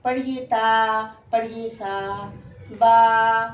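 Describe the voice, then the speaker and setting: A woman with a Pakistani Urdu accent patiently teaches beginners to read Quranic letters, drawing out each letter name slowly so students can repeat it. Her mid-range voice has lively intonation and a measured pace. The lo-fi recording comes from an echoey room with faint ambience.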